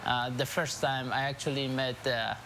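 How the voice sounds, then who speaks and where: Halting Afghan-born man in an interview. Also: mid-range voice, little pitch movement, noisy background. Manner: halting, many fillers, emotional. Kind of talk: news interview.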